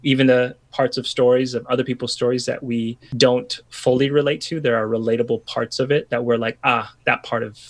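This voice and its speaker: Podcast guest: a man in his thirties from Washington state, gravelly and flat-toned, chatty and reflective. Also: mid-range voice, a little fast, hardly any pauses. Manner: chatty, reflective, full of restarts and fillers. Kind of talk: casual podcast conversation.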